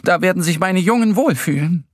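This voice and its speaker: Brief: man voicing a cheeky little woodpecker, perky and lively, children's storybook. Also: fairly high pitch, normal speed, breathy edge, no echo, studio quality, pitched above the performer's own voice, exaggerated voice. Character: male woodpecker, busy and cheeky.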